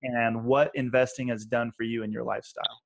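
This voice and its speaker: Man, 30s, podcast host, friendly, affirming, mid pitch. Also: level tone, a little fast, creaky, noisy background. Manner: friendly, affirming, stacks up questions. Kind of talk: conversational interview.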